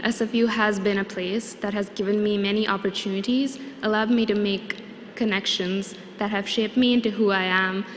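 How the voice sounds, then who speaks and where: A young woman from Sri Lanka giving a formal graduation address, earnest and measured. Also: medium pitch. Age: young adult. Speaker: student graduation speaker. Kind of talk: formal prepared speech. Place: large convocation hall. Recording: long hall reverb, faint noise.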